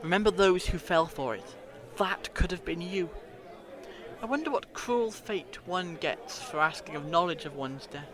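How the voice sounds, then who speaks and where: A man's voice: high-pitched, lively intonation, a little slow, fairly bright tone, some chatter behind. A man playing a clever, theatrical, reassuring alien time traveller in a fan audio drama, explaining things eloquently. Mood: ominous.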